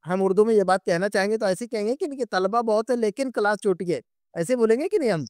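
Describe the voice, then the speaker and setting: A man teaches an Arabic lesson online. His voice sits high and sounds smooth and clear, recorded dry and close. He goes patiently, repeating each point and checking in with his students. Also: darkish tone, no room sound. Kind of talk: online class lecture.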